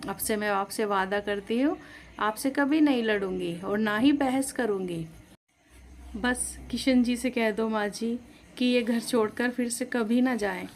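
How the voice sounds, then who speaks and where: A modern young daughter-in-law in a moral storybook, voiced by a woman, eager and argumentative. She talks persuasively in a raised, lively voice. A faint noise runs under the recording. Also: a little high, unhurried, natural voice. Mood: apologetic.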